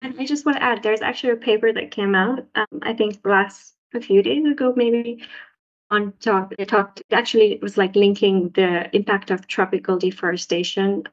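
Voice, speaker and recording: A woman's voice: fairly even intonation, normal speed. Hesitant young woman researcher, muffled audio. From Sri Lanka. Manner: hesitant, many restarts and fillers. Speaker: postdoc researcher, guest. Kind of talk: casual interview answers. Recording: muffled low-fidelity audio.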